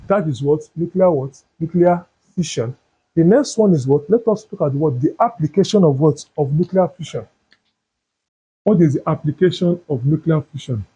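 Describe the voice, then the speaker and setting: High-voiced guy teaching chem, husky, keeps asking "what?" and answering, muffled lo-fi audio. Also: lively intonation, moderate pace, warm tone. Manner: asks questions and fills in the answers himself. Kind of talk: chemistry lesson. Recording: dull lo-fi sound.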